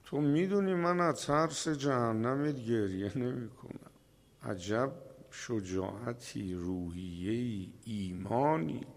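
A man preaching a sermon in a gravelly, creaky voice, pitched in an ordinary middle range. He lingers over his words with long pauses and grows louder at the high points. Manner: slow, emphatic delivery with dramatic pauses, voice rising at climaxes. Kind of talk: religious sermon, storytelling.

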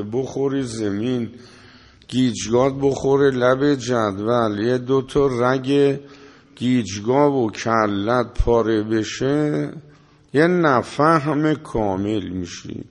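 A man preaching a sermon, scolding his listeners with rhetorical questions and quoting Arabic verses. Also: medium pitch. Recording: long hall reverb.

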